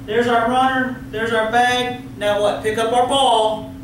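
A man's voice: very high voice, little pitch movement, measured pace, background noise. A middle-aged man with a Texan accent giving a training lecture to umpires in a large meeting room, coaching, asking the room questions and cracking folksy jokes. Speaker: umpire clinic presenter. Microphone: far room camera, no mic seen. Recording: very echoey room from far off.

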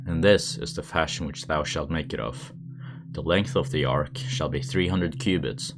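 Very deep monotone man reading scripture. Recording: background music under the voice. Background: music.

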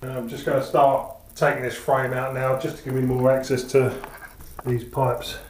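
A man's voice: medium pitch, level tone, moderate pace, darkish tone. A middle-aged man chatting casually as he works, talking through a DIY job in a small tiled bathroom. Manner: chatty, practical, thinks aloud with fillers. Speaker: DIY vlogger. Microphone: action camera. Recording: echoey tiled room, faint noise.

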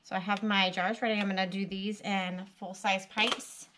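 Home cook, female, mid pitch; casual step-by-step kitchen talk, faint background hiss. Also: level tone, normal speed, a bit bright, poor audio. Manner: chatty and practical, thinking aloud with fillers. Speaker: home cook and homesteading vlogger. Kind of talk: casual how-to narration while cooking. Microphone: camera mounted above the stove and counter.

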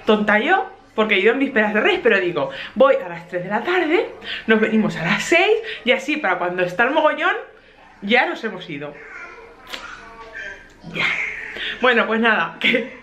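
A young woman from Spain with a Spanish accent, a mother telling a lively anecdote in a casual vlog, laughing as she talks. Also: a little high, moderate pace, pauses often, a little hiss or hum. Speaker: vlogger mother of two. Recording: roomy echo.

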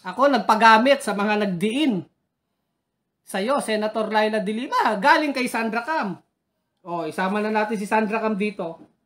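A woman's voice: medium pitch, lively intonation, moderate pace. A woman giving combative political commentary, taunting critics and challenging them directly. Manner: taunting, heckles critics and reads their names.

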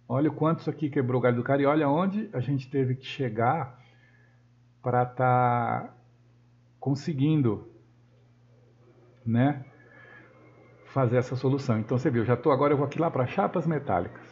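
Brazilian man teaching software, lo-fi sound. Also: medium pitch, moderate pace, pauses often. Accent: Brazilian Portuguese. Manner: thinks aloud while working, with frequent self-corrections. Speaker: software instructor. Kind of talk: screen-recorded software tutorial. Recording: dull lo-fi sound.

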